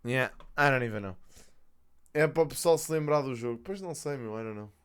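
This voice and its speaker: A man's voice: medium pitch, fairly quick, clean tone. A man with a European Portuguese accent giving casual, slangy, sweary reaction commentary as a streamer, slipping in English. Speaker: streamer reacting to a game announcement.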